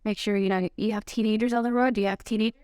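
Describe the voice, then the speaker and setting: A woman's voice: mid-range voice, fairly even intonation, rapid-fire, a little mellow, clear, resonant tone, no echo, studio quality. A woman guest, an insurance agent, explaining her work in a direct, persuasive way on a casual talk show. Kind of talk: casual chat.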